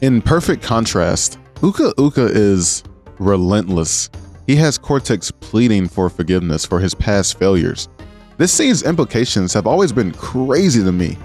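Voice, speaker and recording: A man's voice: fairly low pitch, big pitch swings, moderate pace, a little mellow. A man narrating a scripted video essay with earnest, appreciative commentary. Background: music.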